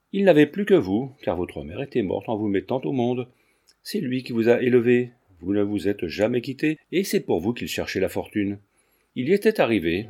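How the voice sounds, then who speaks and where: A man's voice: mid-range voice, mellow. A man voicing a generous, fatherly middle-aged businessman who speaks earnestly and reassuringly.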